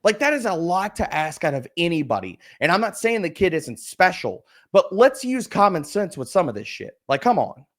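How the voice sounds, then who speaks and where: A man with a somewhat high voice talks fantasy football on a podcast. He is emphatic and profane, and he piles up rhetorical questions as he rants in relaxed, casual chat. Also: normal speed, few pauses.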